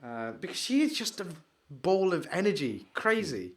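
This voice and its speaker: A man co-hosting a podcast, chatting excitably and rambling, trailing off into mumbles while he searches. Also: sits high, moderate pace. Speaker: podcast co-host. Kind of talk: casual chat.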